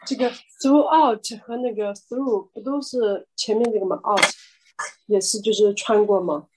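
A woman's voice: medium pitch, fairly even intonation, unhurried, darkish tone, slight background noise, low-quality recording. A woman student asking her teacher questions, hesitant and searching for words.

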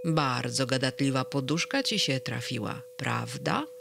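A reader voicing a calm, kindly male keeper of dreams in a bedtime story, speaking gently and a little solemnly. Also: mid-range voice, measured pace, gravelly, noisy background. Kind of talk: children's storybook reading.

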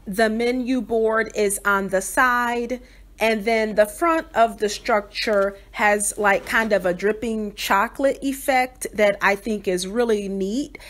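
A woman's voice: mid-range voice, steady tone, slow, a bit bright. A woman hosting a doll channel, cheerfully describing toy pieces in an unboxing review voice-over. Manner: cheerful, enthusiastic, descriptive with fillers.

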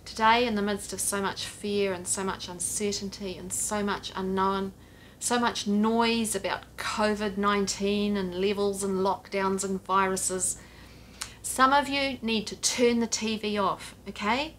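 The audio is poor, with slight background noise, as a middle-aged woman pastor speaks in a steady, medium-pitched, fairly bright voice, a little slowly. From her living room sofa she gestures while giving an earnest, direct home church sermon, framed head and shoulders by a camera a few feet away.

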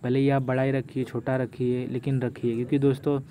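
Flat-voiced man reading prices. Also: mid-range voice, fairly quick, a little hiss or hum. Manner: repeats "doston" often, reads prices aloud. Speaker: YouTube host. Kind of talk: screen-recorded product walkthrough.

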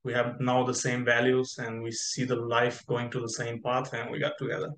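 This interview guest, a young man who grew up in Spain, rambles through his story on a video call with many fillers and restarts. His voice is medium-pitched, monotone and fairly bright, moving at a moderate pace. He is in a bright room, and the sound is echoey.

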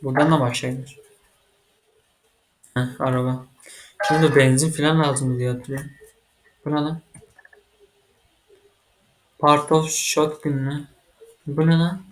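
A man giving casual let's-play commentary as he plays a computer game, excitable and quick to get frustrated, swearing at the game. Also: on the high side, a little hiss or hum. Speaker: gaming channel host.

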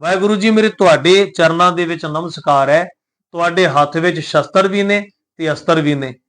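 Devout and courteous toward his listeners, a man chants scripture slowly and deliberately, then explains it one word at a time. His voice sits on the high side with a fairly bright tone.

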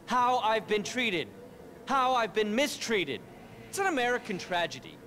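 An actor playing an arrogant, manic middle-aged tech billionaire in a video game, pompous, as if giving a keynote speech. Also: male voice, sits high, big pitch swings, a little slow, pushed and bright, exaggerated voice. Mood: paranoid, self-pitying. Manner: pompous, self-important, keynote-speech delivery.

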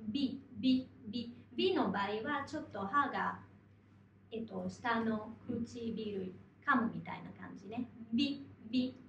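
Woman, diction coach; unhurried delivery, distant roomy recording. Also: medium pitch, gravelly, fairly bright tone, dull audio, a little hiss or hum. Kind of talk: language lesson dialogue.

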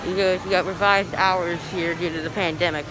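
The voice is high and steady, a little fast, belonging to a vlogger who narrates his walk through an indoor mall while filming elevators on a handheld phone. He addresses viewers hesitantly with plenty of ums, and the mall noise is loud behind him.

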